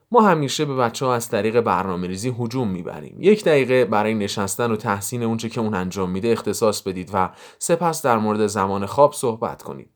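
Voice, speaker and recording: Steady male narrator reading advice. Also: mid-range voice. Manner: steady, explanatory reading of numbered tips. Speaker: narrator of a psychology audio series. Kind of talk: scripted narration.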